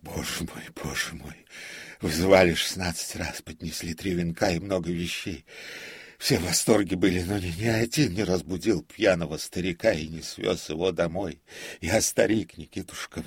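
A man's voice: extremely low pitch, fairly even intonation, measured pace, creaky, slightly rough, no echo, clean studio sound, heavily acted. A man voicing a frightened, self-pitying aging male stage comic in his fifties, who grumbles, mutters and cries out in fear. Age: 50s. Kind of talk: audiobook character voice.

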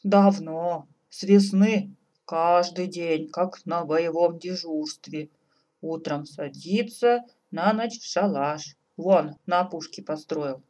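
Woman doing a slow folksy bull elk. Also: lowish voice, a little mellow. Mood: drawling. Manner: drawling, folksy. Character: slow folksy male elk, know-it-all.

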